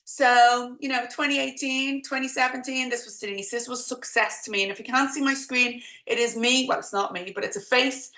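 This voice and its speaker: Bright-voiced Dublin woman, chatty coach. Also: on the high side, steady tone, moderate pace, few pauses, echoey room. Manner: chatty, encouraging, addresses viewers directly with pep talk. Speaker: business coach hosting an online workshop. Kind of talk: informal live webinar presenting.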